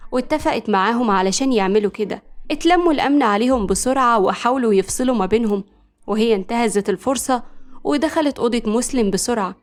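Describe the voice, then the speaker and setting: A fast-talking woman with an Egyptian accent narrates a scripted story. Her voice sits a little high and moves briskly. A lively storyteller.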